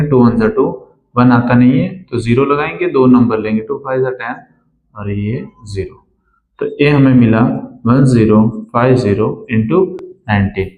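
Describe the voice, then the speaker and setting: A man's voice: medium pitch, warm tone. A man tutoring maths to students, asking them questions and answering them himself. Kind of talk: blackboard-style maths lesson. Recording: roomy classroom echo.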